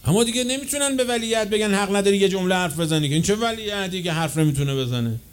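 A man preaching a sermon with passion, swinging from loud, slow declaiming to quick, quieter asides. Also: sits high, lively intonation, clean tone. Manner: chants quoted chains of narrators slowly.

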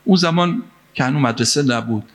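A man from Mashhad delivers an impassioned sermon, weaving in a story. He recites Arabic phrases and lines of verse, and his voice climbs to emphatic peaks to drive home a point. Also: medium pitch. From Mashhad, Iran. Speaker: preacher.

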